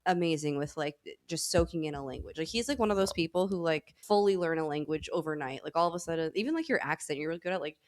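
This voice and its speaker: A woman's voice: low voice, quick pace, hardly any pauses. A woman hosting a podcast in casual chat, chatty and laughing, swearing casually. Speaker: podcast host.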